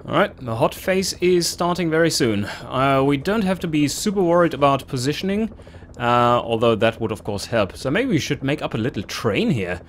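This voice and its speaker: A man hosting a let's play, commenting casually on his gameplay, animated and quick to swear and laugh in frustration. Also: mid-range voice, a little hiss or hum.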